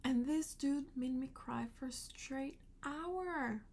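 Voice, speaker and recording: A woman's voice: high voice, slow, a little mellow. A woman vlogger telling a storytime, venting in a frustrated, emotional way and swearing often.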